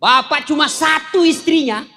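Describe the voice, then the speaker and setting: A high-pitched male preacher delivers a sermon laced with jokes. He tells his stories with animated, playful timing, and his voice sits high for a man. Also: moderate pace. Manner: animated joking storyteller. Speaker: Islamic preacher. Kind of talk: humorous sermon.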